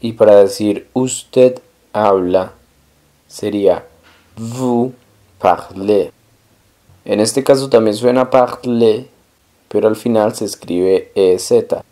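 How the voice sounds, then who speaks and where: Slow, mellow-voiced man teaching a language. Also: lowish voice. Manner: explains step by step, repeats model words slowly. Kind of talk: slow, careful language lesson.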